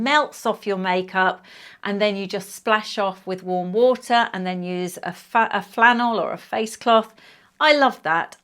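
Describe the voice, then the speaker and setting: A woman's voice: mid-range voice, fairly bright tone. A woman over fifty talks her viewers through a casual product review. She is chatty and effusive, gushing with enthusiasm as she goes. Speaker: beauty vlogger.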